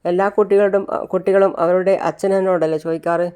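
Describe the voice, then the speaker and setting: Narrator voicing Mahesh, a taunting schemer. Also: male voice, high-pitched, flat delivery, a little fast, darkish tone, smooth, close to an everyday voice. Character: scheming menacing man.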